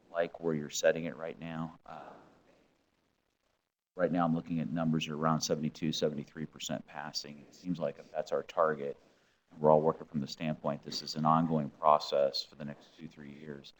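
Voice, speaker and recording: A man on a board committee giving earnest remarks in a formal meeting, repeating words as he starts his points. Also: a bass voice.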